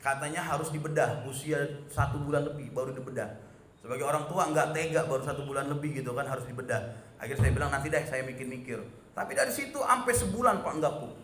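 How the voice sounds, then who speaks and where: A man, preaching a relaxed dawn sermon in a mosque and often turning to his listeners. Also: medium pitch, fast talker, a little hiss or hum. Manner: chatty, addresses listeners as "Pak" often. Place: mosque hall. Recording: echoey mosque hall.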